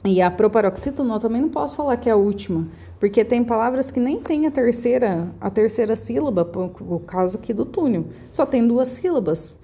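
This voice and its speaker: A woman's voice: fairly high pitch, lively intonation, brisk, hardly any pauses, dark tone, husky. A Brazilian woman teaching a primary class from her phone, patiently repeating key points and checking that the children follow. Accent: Brazilian Portuguese. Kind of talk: recorded remote class explanation.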